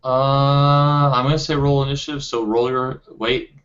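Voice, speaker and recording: A man acting as game master in a tabletop role-playing game, thinking aloud as he goes, with frequent pauses and restarts. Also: mid-range voice, little pitch movement, fairly bright tone. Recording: dull lo-fi sound.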